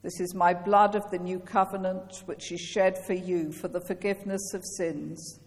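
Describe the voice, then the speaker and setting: A woman priest leading a communion prayer in a slow, solemn, measured way, her voice carrying a cathedral echo. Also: on the low side, little pitch movement. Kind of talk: reciting a liturgical prayer. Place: large church. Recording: long church reverb.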